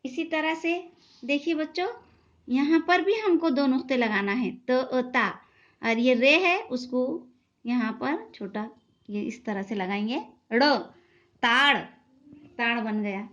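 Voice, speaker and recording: A woman's voice: high-pitched, measured pace. A woman teacher giving a lesson to children, speaking patiently and sounding out letters one by one. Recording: dull lo-fi sound.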